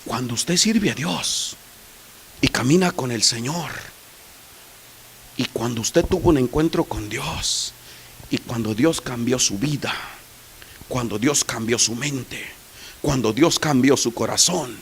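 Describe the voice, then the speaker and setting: A male pastor preaching a sermon, swinging from soft asides to loud shouted peaks. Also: medium pitch, slow pace, pauses often, a little hiss or hum.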